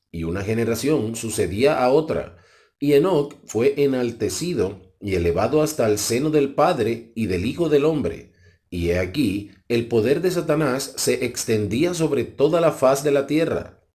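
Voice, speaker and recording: A man narrating an audiobook of scripture in a solemn, measured reading. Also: mid-range voice, a little mellow.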